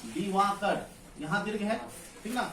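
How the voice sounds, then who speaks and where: A man's voice: high voice, measured pace, sharp tone. A male teacher gives a grammar lesson in a classroom. He asks the class questions, answers them himself and keeps checking that everyone understands. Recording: echoey room, far from the mic, faint ambience.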